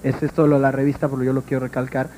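Fast-talking earnest young man. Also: medium pitch, level tone, dark tone, a little hiss or hum, rough recording. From Mexico. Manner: emphatic, insistent, keeps asking for agreement. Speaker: band member guest. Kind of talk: talk show interview.

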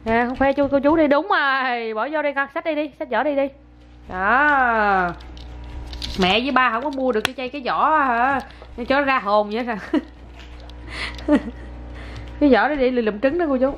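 A woman's voice: sits high, normal speed, highs cut off, soft background music. A young woman, a mother talking casually to camera while coaxing her toddler at home. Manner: chatty, coaxing, sing-song talk to a child. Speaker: vlogger, mother.

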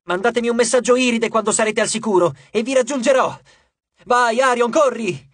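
A man's voice: very high voice, brisk, dry recording, voice pushed up. A man voicing a determined teenage demigod girl calling out urgently in an audiobook.

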